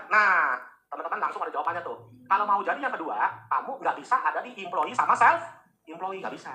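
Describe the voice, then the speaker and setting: A man giving a motivational business seminar to a live audience, joking and teasing the crowd with quick asides. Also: high-pitched, bright, forceful tone.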